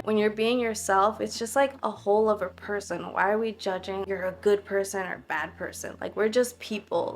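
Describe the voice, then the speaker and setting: A young woman vlogging, talking earnestly and thinking aloud, often saying "like". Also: mid-range voice. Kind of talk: casual reflective talk to camera.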